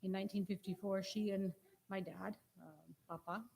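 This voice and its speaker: An older woman giving an informal funeral eulogy, halting and slipping in personal asides. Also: medium pitch, steady tone, creaky, warm tone. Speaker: family member giving a eulogy. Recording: noticeable background noise.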